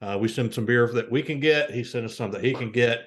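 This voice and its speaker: A man's voice: mid-range voice, fast. Male host, mid-range voice, laid-back beer-show patter. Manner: relaxed, easygoing, frequent "uh" fillers. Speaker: podcast host. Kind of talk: casual beer review chat.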